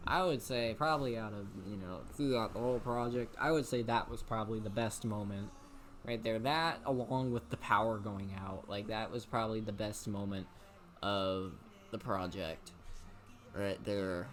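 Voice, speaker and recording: A man's voice: on the low side, moderate pace. A young man rambling casually over gameplay, full of fillers and restarts. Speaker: let's play commentator.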